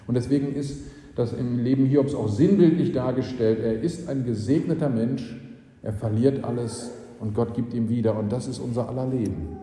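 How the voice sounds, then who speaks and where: A man's voice: medium pitch, mellow. A man preaching a sermon, explaining scripture and often asking rhetorical "nicht?" checks of his listeners. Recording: roomy hall with long reverb.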